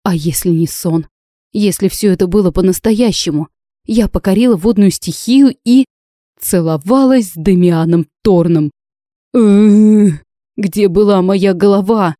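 A woman's voice: mid-range voice, a little slow, dark tone, no room sound, clean studio sound, close to an everyday voice. A woman voicing a flustered young heroine in an audiobook.

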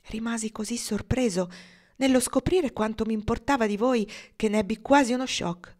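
A woman's voice: a little high, moderate pace, a little mellow, voice pushed up, close to an everyday voice. A woman reading the part of an earnest, romantic young gunslinger man, speaking in heartfelt declarations.

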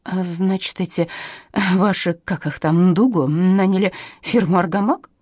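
A woman voicing a level-headed, sarcastic woman friend with a husky, dark voice. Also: mid-range voice, sing-song, dry recording, clean studio sound. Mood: reasoning. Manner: brisk, sarcastic. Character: sharp-tongued sensible woman friend, sarcastic.

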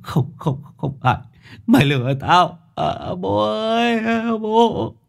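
Spoiled young male hostage, frantic and shrill, swinging from begging to cursing. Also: very animated, slow, gravelly, full character voice. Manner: shrill screaming, pleading then cursing.

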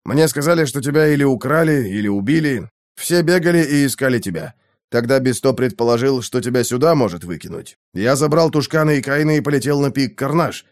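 A man voicing an anxious male airship captain who reports quickly and urgently in an audiobook. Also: medium pitch, lively intonation, no room sound, studio quality, lightly acted. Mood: telling.

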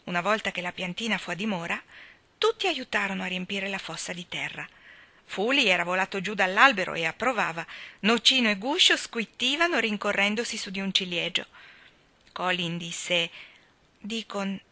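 A woman reads a classic children's novel aloud. Her voice is bright and ringing, and her delivery is gentle and expressive. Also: medium pitch, moderate pace. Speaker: reader. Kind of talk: audiobook narration of a children's novel.

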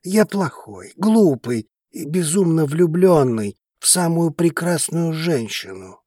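A devoted male dragon lover with a low, husky voice that swings widely in tone, played by a woman narrator. He speaks slowly and softly, almost pleading, in a close, dry sound. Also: lively intonation, dry recording, heavily acted. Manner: low, slow, hushed and pleading. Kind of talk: audiobook character reading.

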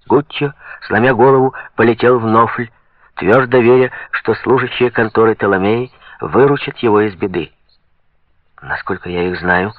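A man narrating an audiobook in a measured, even reading, in a dull lo-fi recording. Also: medium pitch, dry recording. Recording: dull lo-fi sound.

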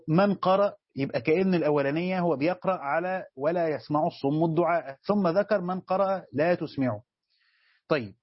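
Man, Egyptian accent, sheikh explaining scripture, rapid delivery, husky voice, dull dry recording. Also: on the high side, dry recording. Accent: Egyptian Arabic. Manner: explanatory, asks students questions. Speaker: sheikh teaching Quran commentary. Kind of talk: religious lesson.

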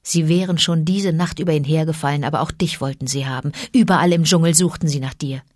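A woman reading an audiobook, voicing a calm, wise male panther who speaks low and confiding. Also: fast, no echo, clean studio sound. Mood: urgent. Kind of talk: audiobook character voice.

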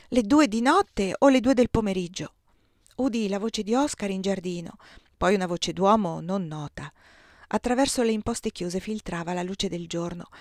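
Woman reading a novel out loud, calm and steady, dry close sound. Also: medium pitch, no echo. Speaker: audiobook reader.

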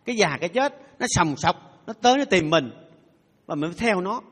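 A man's voice: sits high, lively intonation, brisk, fairly bright tone, slightly rough. A Buddhist monk giving a playful, humorous dharma talk, leading his audience in call-and-response chanting. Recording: long hall reverb.

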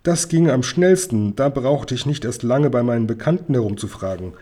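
A man's voice: mid-range voice, expressive, moderate pace, dark tone, a little hiss or hum, close to an everyday voice. A man voicing a hot-tempered, easily flustered village police sergeant who blusters and stammers, reading a storybook aloud. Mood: pondering. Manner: blustering, stammering when startled.

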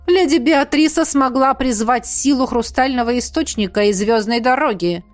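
A woman's voice: sits high, moderate pace, soft background music, close to an everyday voice. A woman voicing a stern commanding priestess who speaks curtly and with authority. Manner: curt, authoritative.

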